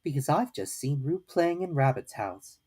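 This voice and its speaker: A woman voicing a kindly young boy in a children's story, calm, measured and matter-of-fact with gentle playfulness. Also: low voice, husky, voice pushed up, full character voice.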